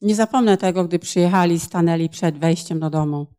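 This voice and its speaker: A woman's voice: fairly low pitch, a little fast, dark tone, smooth. A woman interpreting a sermon phrase by phrase, in a plain manner with small hesitations.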